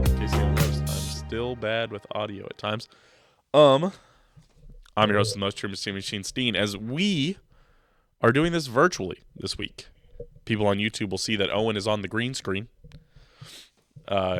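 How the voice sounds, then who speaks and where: Hosting a laid-back sports podcast, a young man congested from a cold rambles and cracks jokes into his microphone in a lowish voice. The sound is dry and studio-clean.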